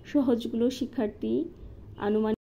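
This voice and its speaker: A woman calmly walking through a lesson plan step by step, as a teacher-training instructor. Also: fairly high pitch, normal speed, gravelly. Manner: methodical, step-by-step with occasional fillers. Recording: slightly dull lo-fi recording with faint noise.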